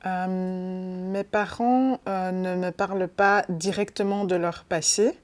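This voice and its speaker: A woman in her late twenties, born in Rwanda, speaking hesitantly and reflectively with many pauses in an interview. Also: on the low side, steady tone, darkish tone. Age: 20s. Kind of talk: testimony.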